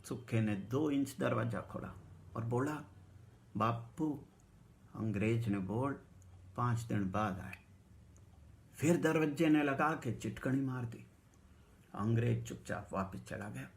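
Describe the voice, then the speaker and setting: A man narrates a folk tale at an unhurried pace. His voice is gravelly and steady. He keeps the narration hushed and lets the quoted voices ring out. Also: mid-range voice. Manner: hushed narration rising to loud quoted dialogue. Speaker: storyteller. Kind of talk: dramatic storytelling.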